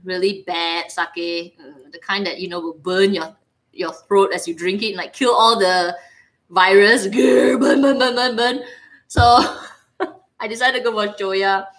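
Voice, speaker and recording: A woman with a Singaporean accent hosting a casual livestream, playful and rambling as she chats to viewers. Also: mid-range voice. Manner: animated, playful, rambling, reacting aloud to viewers' comments. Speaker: livestream host. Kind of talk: casual livestream chit-chat. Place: living room, indoors.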